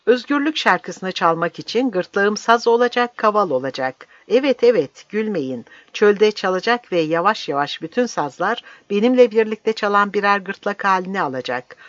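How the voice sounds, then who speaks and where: A reader voicing a fiery old village priest who shouts his defiance in an impassioned, declaiming way, on a dry, slightly dull recording. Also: medium pitch, lively intonation, normal speed, no echo, pitched above the performer's own voice, natural voice. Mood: defiant, shouting.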